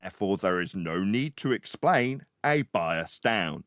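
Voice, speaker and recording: A man drags his words out in a put-on slow, deeper voice, mocking the person he is arguing with. His tone is combative and scornful, and his pitch swings a lot. The sound is dry and close. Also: lively intonation, fairly bright tone, dry recording. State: putting on a slowed-down, lowered mocking voice. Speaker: caller in a debate. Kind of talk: heated debate on a call-in show.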